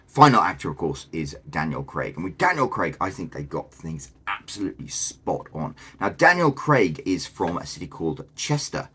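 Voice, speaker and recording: Very deep husky man, chatty commentary. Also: sing-song, normal speed, few pauses, bright, forceful tone. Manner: chatty and enthusiastic, with many fillers. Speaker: host. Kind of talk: casual video commentary.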